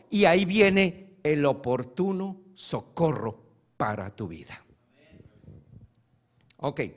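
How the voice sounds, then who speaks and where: High-voiced preaching pastor, man. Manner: preaching with swings between loud emphasis and soft, hushed asides. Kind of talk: sermon.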